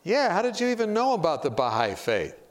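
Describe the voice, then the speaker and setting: Friendly, talkative middle-aged woman on a plane, voiced lightly by a man retelling a story; lively and up-and-down. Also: high-pitched, brisk, voice pushed up. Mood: surprised.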